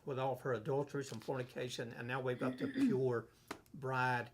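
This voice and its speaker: A man, a pastor, leading a relaxed Bible study, reading verses aloud and explaining them, asking and answering his own questions. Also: mid-range voice, slight background noise. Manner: unhurried, asks himself questions and answers them. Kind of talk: conversational Bible teaching.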